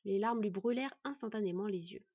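A woman reading a fantasy storybook aloud in measured, gentle narration. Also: medium pitch, husky, no room sound, dull audio. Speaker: audiobook narrator.

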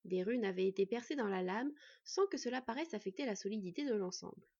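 A woman narrates a fantasy audiobook in a steady, even way, her voice husky and slightly high. The recording sounds dull and lo-fi. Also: fast talker.

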